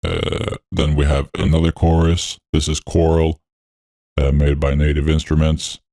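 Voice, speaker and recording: A man talking through a voice changer that deepens his voice. He hosts a music production tutorial, narrating each step in a laid-back, technical way with frequent fillers. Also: unhurried, creaky, warm tone, no room sound, clean studio sound. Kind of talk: walkthrough narration over a screen recording.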